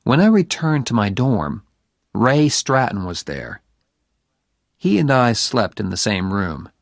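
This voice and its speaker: Slow, expressive male story reader. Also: on the low side, vocal fry, no echo, clean studio sound. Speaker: audiobook narrator. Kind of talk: first-person story reading for learners.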